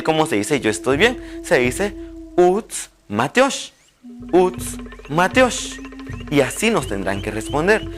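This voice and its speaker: A man, a language teacher giving a televised lesson and slowly spelling out pronunciation drills. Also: medium pitch. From Guatemala.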